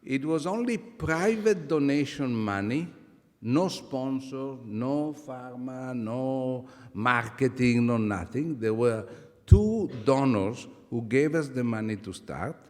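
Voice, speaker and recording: An Italian-accented man in his seventies addresses a conference from the podium, his voice at an ordinary middle pitch. He talks animatedly, dropping humorous asides and often stopping to restart a phrase. A long reverb from the large hall trails after his words. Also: lively intonation, slow pace, a little mellow. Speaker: conference speaker. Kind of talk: conference talk.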